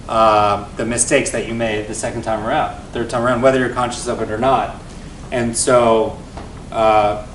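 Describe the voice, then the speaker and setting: A man in his forties speaks energetically to an event audience, checking in with "right?" as he goes. He sits back from the mic in a reverberant room, and a faint low rumble runs underneath. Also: recorded from a distance. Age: 40s. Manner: energetic and conversational, tags points with "right?". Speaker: venture investor and guest speaker. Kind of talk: telling his founder story to an event audience. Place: event venue before an audience.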